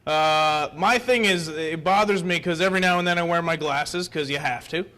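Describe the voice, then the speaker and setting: A man's voice: fairly high pitch, moderate pace, bright, forceful tone. A young man doing a rambling, profane, self-deprecating stand-up set on a comedy club stage.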